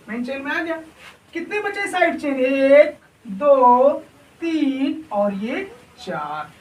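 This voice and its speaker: A man's voice: extremely high pitch, a bit bright, slight background noise. A male chemistry teacher giving a classroom lecture. He keeps asking his students questions and answering them himself, often checking that the class is following. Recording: echoey room, voice far from mic.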